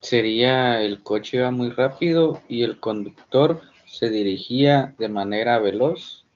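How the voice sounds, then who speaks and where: A male student slowly and hesitantly reading his answer in an online class. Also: mid-range voice. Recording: dull lo-fi call audio.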